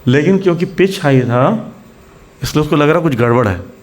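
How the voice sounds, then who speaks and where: A man's voice: on the high side, expressive, normal speed. Male spiritual teacher giving a devotional lecture. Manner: explains patiently, often checks in with the audience; acts out scolding and gentle voices in his examples.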